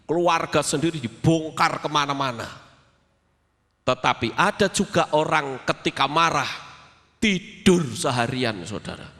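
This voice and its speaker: A man preaching a sermon as pastor, telling stories in an animated way and acting out voices and sounds. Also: fairly high pitch, big-room sound.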